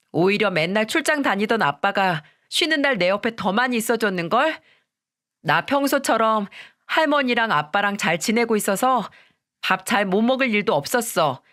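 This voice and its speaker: A woman voicing a ten-year-old girl who speaks calmly and firmly. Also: mid-range voice. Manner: calm, firm, childlike speech.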